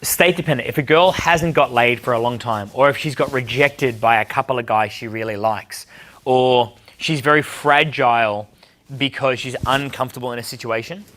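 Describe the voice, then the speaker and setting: A young man leads a dating seminar with a bright, forward voice. He talks bluntly and swears freely, often acting out bar conversations. His pitch sits in an ordinary middle range. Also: normal speed. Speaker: dating coach. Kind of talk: seminar talk answering questions.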